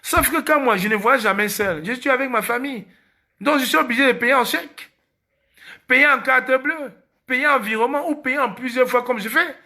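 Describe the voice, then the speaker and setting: A Cameroonian man with a Cameroonian French accent speaks in a high, sharp and gravelly voice. He hosts a casual live stream and drives each point home by repeating it. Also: moderate pace. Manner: emphatic, repeats key phrases.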